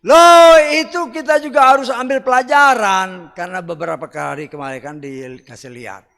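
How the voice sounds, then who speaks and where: A middle-aged man preaching a sermon in a blunt, rough-spoken way, with loud emphatic bursts and quiet asides. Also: extremely high pitch, normal speed. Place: church hall. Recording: church hall reverb.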